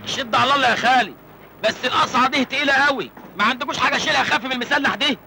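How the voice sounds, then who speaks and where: A cheeky, penniless village lad in an Egyptian film comedy, talking in a high, bright voice at a rattling speed. He jokes and whines about his hunger and his luck. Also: rapid-fire, creaky, a little hiss or hum, exaggerated voice. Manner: cheeky, joking, self-pitying. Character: naive cheeky village man, young, penniless.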